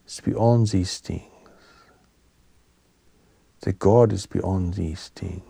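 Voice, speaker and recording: With a low-pitched, soft voice, a male teacher delivers a spiritual sermon, calm and gentle with a solemn air. His phrases are short and measured, and his voice goes breathy as each one ends.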